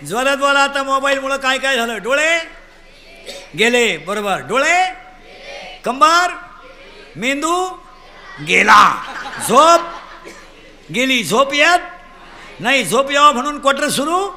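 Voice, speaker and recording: A man giving a comic devotional sermon, teasing the crowd and shouting questions for them to answer. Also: very high-pitched, expressive, moderate pace. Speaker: kirtan preacher. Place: live gathering.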